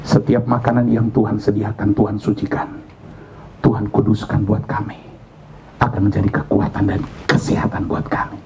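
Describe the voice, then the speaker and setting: A male pastor voicing a missionary father who prays calmly and with faith, low and quiet. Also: moderate pace, dull audio, a little hiss or hum, natural voice. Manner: calm, hushed.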